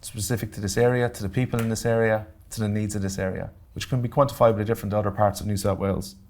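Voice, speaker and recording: A man's voice: lowish voice, steady tone, rapid-fire, a little mellow. A man with an Irish accent presenting a grants workshop to a live audience, direct and practical, with joking asides and check-ins to make sure the room is following. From Ireland. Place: community centre meeting room.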